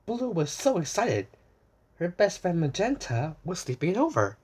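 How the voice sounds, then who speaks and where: In an unhurried read-aloud for small kids, the voice is mid-range, husky and a bit mellow, rising and falling widely in pitch. Questions are put to the young viewers, the sense of wonder is exaggerated, and there are occasional stumbles and repeated words.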